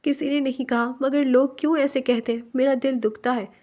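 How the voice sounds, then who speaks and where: A woman's voice: high voice, fairly even intonation, brisk, dark tone, close to an everyday voice. A woman voicing a young office worker in a read-aloud novel, pleading and tearful.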